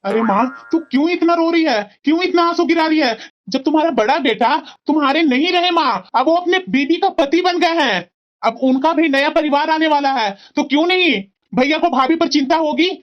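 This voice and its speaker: A woman voicing an earnest young son who pleads and reasons with his mother in an animated family drama. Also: high voice, a little fast, highs cut off, lightly acted. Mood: firm. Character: earnest young married son defending his sister-in-law.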